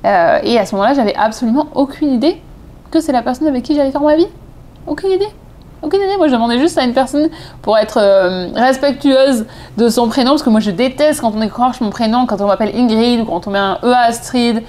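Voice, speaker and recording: Her voice is a little high and a little mellow, and she speaks fairly quickly. She's a French-accented vlogger in her thirties from southeast France, casually telling personal stories to camera, chatty and digressive, with plenty of self-correction.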